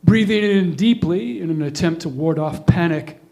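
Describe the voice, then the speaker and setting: This middle-aged man's voice is a little high and gravelly. He works through a scripted, ornately worded comic monologue with a measured, deadpan manner.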